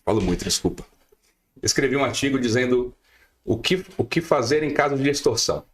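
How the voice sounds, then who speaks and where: A man's voice: medium pitch, animated, a little fast. A middle-aged Brazilian man giving emphatic advice as a guest lawyer on a podcast, firing off rhetorical questions. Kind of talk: podcast interview.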